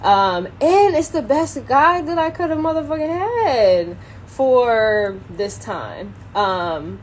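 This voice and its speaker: A young adult woman with a slightly high, animated voice introduces a book reading on a livestream, speaking at a slow pace. She rambles informally in slangy, hesitant, self-conscious speech, with a little hiss or hum in the audio.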